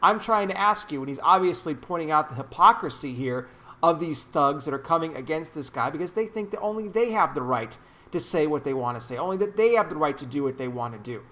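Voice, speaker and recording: Man with a slightly high voice doing an indignant political vlog, preachy and repeating himself for emphasis. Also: lively intonation, fairly quick, fairly bright tone. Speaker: YouTube commentator. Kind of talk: opinionated political commentary vlog.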